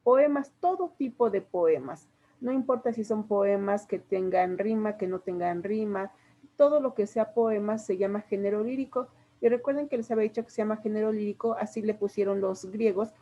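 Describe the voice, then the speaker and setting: Mexican lady teacher going thru poetry terms slow and patient, warm voice, kinda muffled lo-fi sound. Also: medium pitch. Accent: Mexican Spanish. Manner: patient, explains step by step with examples. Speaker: literature teacher. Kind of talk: classroom lesson.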